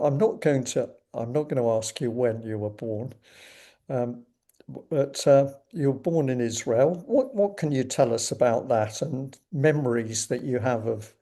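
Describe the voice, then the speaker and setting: A middle-aged man hosts a conversational interview with courteous, measured formality. His voice is dark and mellow, with a husky edge and some gravelly fry. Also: medium pitch. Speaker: interview host.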